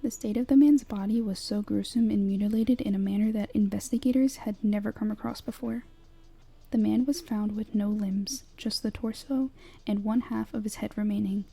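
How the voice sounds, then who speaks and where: This young woman's voice sits in the mid range and holds a steady tone as she whispers, hushed and breathy. She walks through a scripted horror breakdown in a measured, ASMR-style way, her husky sound very mellow, muted, and faintly crackling.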